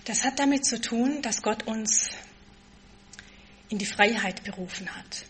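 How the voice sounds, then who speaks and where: A woman preaching a sermon, stressing key words with force and then dropping to a soft, quiet tone. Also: on the high side, a little slow, a little hiss or hum.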